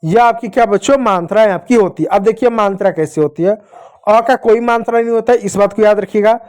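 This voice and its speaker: A man with a mellow, warm-toned voice teaches young children to read. He stretches each sound out in slow drills, poses questions and answers them himself, and keeps checking in with the class. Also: high-pitched. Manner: slow, drawn-out pronunciation drills with repeated checks. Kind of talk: children's Hindi reading lesson.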